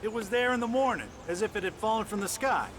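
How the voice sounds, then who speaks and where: An actor playing a folksy, grumbling trailer park manager in a video game, plain-spoken with an American accent. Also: male voice, high-pitched, fast talker, noisy background, close to an everyday voice. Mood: plain, hurried. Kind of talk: video game character dialogue.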